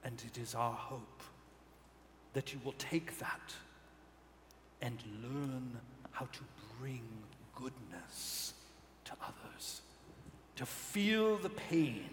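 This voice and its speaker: A man voicing Death, a stern judge of souls, in a slow, hushed, raspy whisper. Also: medium pitch. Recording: live hall reverb, faint noise.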